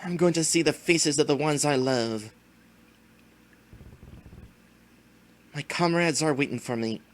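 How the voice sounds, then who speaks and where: A man voicing a scheming, power-hungry game villain in a slow, theatrical, menacing manner. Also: a little high, natural voice. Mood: solemn resolve. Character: scheming megalomaniac male villain seeking forbidden power. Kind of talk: dramatic reading of RPG game dialogue.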